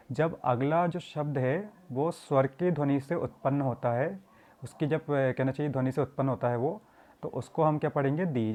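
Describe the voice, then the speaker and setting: A man's voice: medium pitch, darkish tone. A man teaching an English grammar lesson, explaining in Hindi mixed with English and calling his students "beta".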